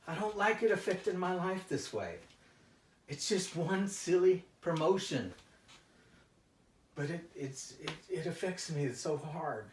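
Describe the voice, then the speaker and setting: Distant and echoey, with faint noise, a man acts out a male therapy client worn down by stress. He is a frustrated working family man who confides haltingly, trailing off between phrases. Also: on the low side, close to an everyday voice. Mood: agitated, bitter. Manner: halting, hesitant, confessional, with frequent trailing phrases. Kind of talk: therapy role-play.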